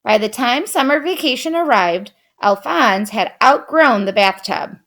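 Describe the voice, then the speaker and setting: A woman expressively reading a children's picture book aloud. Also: fairly high pitch. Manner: expressive, unhurried. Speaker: storyteller.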